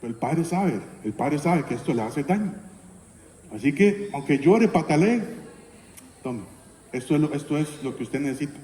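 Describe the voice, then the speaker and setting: Male pastor, chatty sermon style, warm dark tone, echoey sanctuary sound. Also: on the high side, expressive, normal speed. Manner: conversational preaching, frequent "¿verdad?" tags. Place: church sanctuary. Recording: echoey church hall.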